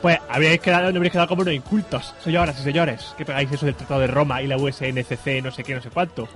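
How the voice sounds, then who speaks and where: A man hosting a radio film show in a studio, chatting casually and joking in quick, rambling banter. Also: medium pitch, steady tone, a bit bright, soft background music. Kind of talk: casual chat.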